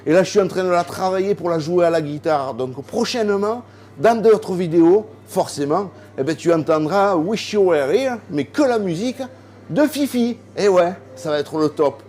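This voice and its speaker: A man with a somewhat high voice hosts a casual cooking vlog from his home kitchen. He chats freely and keeps addressing the viewer directly as he shows each step. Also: animated, moderate pace, a little mellow. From southern France. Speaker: cooking video host.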